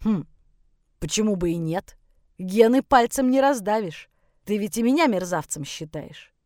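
A woman's voice: medium pitch, animated, measured pace, dark tone, no echo, clean studio sound, natural voice. A woman voicing a bitter, contemptuous teenage boy in an audiobook. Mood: scornful. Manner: sneering, contemptuous. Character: bitter scornful teenage boy, angry and rude.

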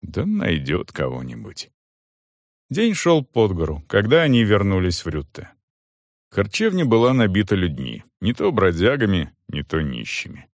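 Low-voiced male audiobook narrator. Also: big pitch swings, normal speed, dry recording, clean studio sound. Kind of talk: scripted narration.

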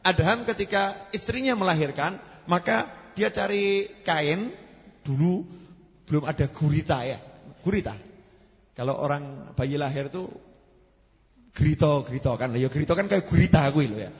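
A high-voiced man preaching with a Javanese accent, animated and joking with the gathering. His voice carries a long hall reverb behind it. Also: moderate pace, long pauses. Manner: animated, jokes and mixes in Javanese phrases. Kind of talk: sermon.

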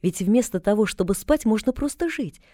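A woman voicing a cheerful, chatty young girl who talks in a bright, excited, gushing way in an audiobook. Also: medium pitch, normal speed, no echo, studio quality, voice pushed up, lightly acted. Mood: eager. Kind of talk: audiobook character reading.

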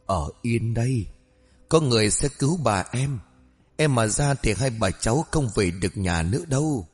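A man voicing a gentle, protective male ghost who speaks in a soft, hushed warning. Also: mid-range voice, animated, normal speed, breathy edge, faint music behind.

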